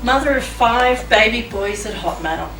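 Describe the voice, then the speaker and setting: A woman's voice: a little high, expressive, unhurried. A middle-aged woman performing a dramatic spoken monologue on stage as a mother telling her story. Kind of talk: staged spoken-word monologue over music. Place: large hall at a live show. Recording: echoey hall, distant mic, music behind.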